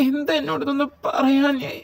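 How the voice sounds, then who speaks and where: Fan audio drama: woman voicing a crying young man, high, pleading. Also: moderate pace, dark tone, close to an everyday voice, low-quality recording. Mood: tearful. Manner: pleading, sobbing questions. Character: young man, hurt and tearful lover.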